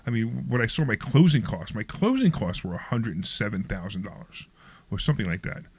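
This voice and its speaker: A man's voice: on the low side, animated, a little fast, a little mellow, husky, dry recording. A man in his sixties hosting a radio talk show, chatting casually, rambling with frequent restarts. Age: 60s.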